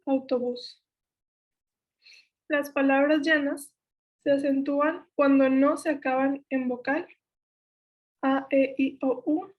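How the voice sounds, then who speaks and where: Young woman, Mexican Spanish accent, high voice, even monotone, methodical workshop teaching. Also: muffled recording. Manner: steady list-like delivery, self-corrects. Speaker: workshop instructor. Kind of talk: explaining spelling rules.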